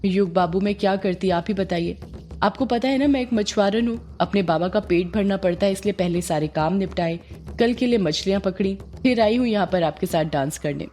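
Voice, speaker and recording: A woman's voice: medium pitch, moderate pace, dark tone, slight background noise, lightly acted. A woman voicing a playful, teasing young fisherwoman in an audio story, coaxing and affectionate.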